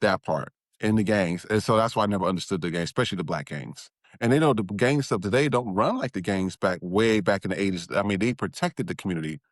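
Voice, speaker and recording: A man as an interview guest, candidly recounting his childhood with halting restarts and acted-out quotes. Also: low voice, lively intonation, no echo, clean studio sound. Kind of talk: personal storytelling interview.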